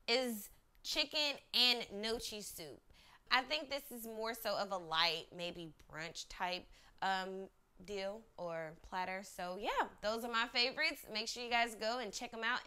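A woman's voice: on the high side, unhurried, pushed and bright, clean tone. A woman hosting a casual entertainment news roundup, chatty and upbeat, talking straight to her viewers. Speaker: host.

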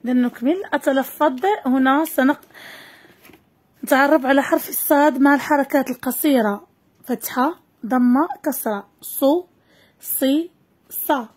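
Woman teacher, Moroccan accent, high voice, slow sounding-out for first-graders. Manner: slow, drawn-out sounding of letters and syllables. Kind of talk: recorded lesson for young children.

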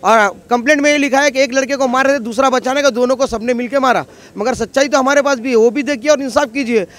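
A man's voice: extremely high pitch, steady tone, quick pace, a bit bright. A local man in a street interview, talking insistently and with grievance. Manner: aggrieved, insistent. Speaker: local resident.

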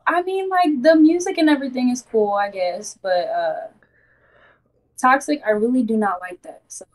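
A woman's voice: fairly high pitch, expressive, moderate pace, a little hiss or hum. Straightforward young woman. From Missouri. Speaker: dating contestant. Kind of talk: casual chat. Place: home room.

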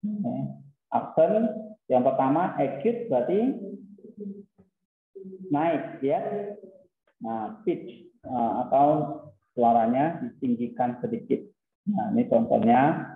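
A man's voice: mid-range voice, lively intonation, takes it slowly, pauses often. A man teaching a lesson in a casual way, explaining step by step and dropping in English terms. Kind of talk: casual classroom lecture. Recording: tinny phone-like, roomy echo.

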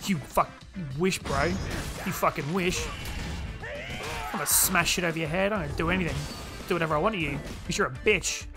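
A man's voice: high-pitched, very animated, normal speed. Brash, swearing man over game music. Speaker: gaming video host. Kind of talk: profane let's-play commentary. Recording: game music playing behind voice. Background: video game music and sounds.

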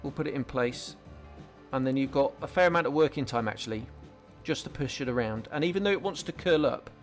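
This relaxed hobby tutorial voice-over comes from a scale modelling channel host who explains his build as he works, pausing for ums and restarting sentences. His voice is mid-pitched, with soft music playing faintly below.

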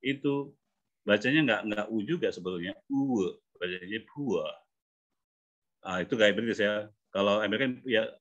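A man with a fairly low voice coaches pronunciation in an online class. He explains patiently and stretches out example words so learners can copy them. The sound is muffled, like a video call. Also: fairly bright tone. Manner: explains patiently, models English words slowly.

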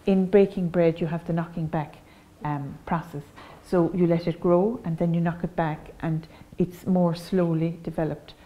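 A woman's voice: fairly low pitch, fairly even intonation, dull audio. Older Irish woman explaining her bakery. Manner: plain, unhurried explaining with fillers. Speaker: bakery owner. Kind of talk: documentary interview. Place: café interior.

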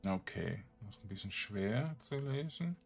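This let's player speaks a little slowly, his lowish voice lively in intonation, with vocal fry and a breathy edge. He comments informally to himself and viewers while streaming and reads game text aloud over soft background music.

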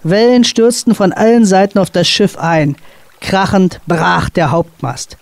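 A woman author reading a dramatic sea story aloud on a radio show, expressive and building tension. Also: mid-range voice, unhurried, gravelly, no echo. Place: radio studio.

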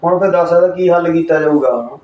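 A man's voice: fairly high pitch, brisk, highs cut off, close to an everyday voice. A man playing a reluctant, placating brother. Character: hesitant brother, easily swayed. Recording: echoey room, far mic.

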